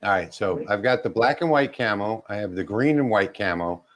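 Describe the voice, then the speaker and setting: Laid-back low-voiced livestream host. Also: male voice, moderate pace. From Louisiana. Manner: chatty, relaxed, running a prize drawing. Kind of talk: casual livestream chat. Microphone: wireless mic.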